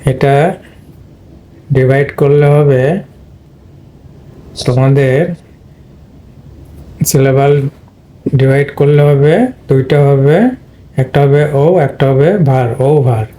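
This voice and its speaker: A man's voice: medium pitch, completely flat delivery, slow pace, pauses often, mellow. A man teaching English pronunciation in an explanatory lesson, repeating points and talking straight to his students. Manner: repeats and addresses students directly.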